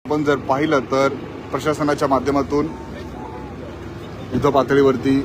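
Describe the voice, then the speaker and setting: A man reporting live from the scene of a factory fire, in a quick, repetitive on-the-spot news style. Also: mid-range voice, level tone, background noise. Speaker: field reporter.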